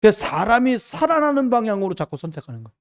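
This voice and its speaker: A male pastor giving an emphatic, conversational sermon, swinging between loud exclamations and hushed asides and often addressing the congregation. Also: sits high, big pitch swings, fast. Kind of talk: Friday evening sermon.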